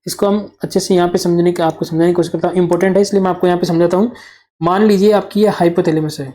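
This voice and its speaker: A man's voice: high-pitched, steady tone, rapid-fire, warm tone. A man teaching nursing exam material as a whiteboard lecture. He poses questions, answers them himself, and repeats the key terms.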